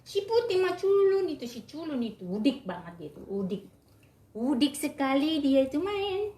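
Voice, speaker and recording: A woman's voice: sits high, big pitch swings, moderate pace, mellow. A woman at home talking in a doting, coaxing baby-talk to her pets as she gives them medicine. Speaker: pet owner. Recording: echoey room.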